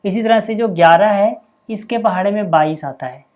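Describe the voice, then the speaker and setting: Man, maths teacher, blackboard lesson, patient, step by step, slow dictation of numbers. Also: high voice. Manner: patient step-by-step explaining, dictates numbers slowly, constant "theek hai" check-ins.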